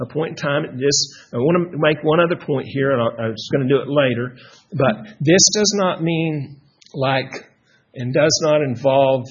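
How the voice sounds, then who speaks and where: A man teaching a Bible study class, reading scripture aloud and checking in with quick rhetorical questions, with many "uh" fillers. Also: medium pitch, husky, muffled recording. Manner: frequent "uh" fillers and restarts.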